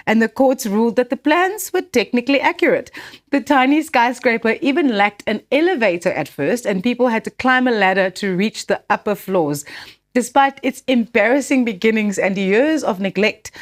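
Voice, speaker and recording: A woman with a South African accent co-hosting in a chatty way, bantering casually and telling stories. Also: a little high. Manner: chatty, switches between Afrikaans and English. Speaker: radio or podcast co-host. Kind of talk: casual co-host banter and storytelling.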